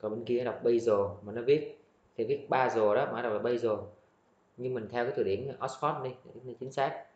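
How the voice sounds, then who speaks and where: A man teaching English pronunciation, repeating each word slowly and explaining it patiently. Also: medium pitch, fairly even intonation, a little mellow. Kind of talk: pronunciation lesson. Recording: echoey, dull lo-fi room sound.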